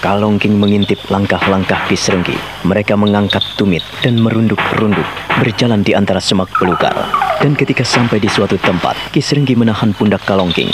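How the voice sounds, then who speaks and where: A man giving scripted, measured narration for a radio drama. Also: on the low side. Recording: loud background noise, radio play.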